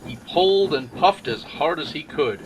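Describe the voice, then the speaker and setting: A man narrating a children's railway storybook in an expressive, measured way. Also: on the high side, noisy background. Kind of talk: storybook reading.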